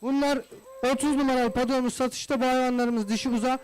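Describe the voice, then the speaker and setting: High-voiced male livestock auctioneer. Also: fairly even intonation, quick pace, darkish tone. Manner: formal, courteous address to guests. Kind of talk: live auctioneer calling bids, repetitive price chant.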